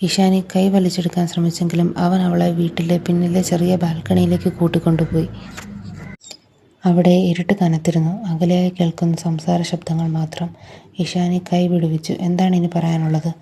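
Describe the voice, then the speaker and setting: Dark-voiced woman narrating a story. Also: fairly low pitch, monotone, normal speed, creaky, a little hiss or hum.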